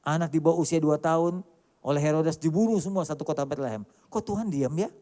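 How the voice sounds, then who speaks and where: A male pastor preaching a sermon emphatically, with many rhetorical questions and sharp swings between loud and quiet delivery. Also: fairly high pitch, fast talker. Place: large church hall. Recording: church hall reverb.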